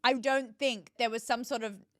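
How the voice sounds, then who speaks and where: A woman's voice: fairly high pitch, steady tone, moderate pace, dry recording, clean studio sound. A woman hosting her own show, giving opinionated commentary with an emphatic, scornful tone and lots of rhetorical questions. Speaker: political commentary host.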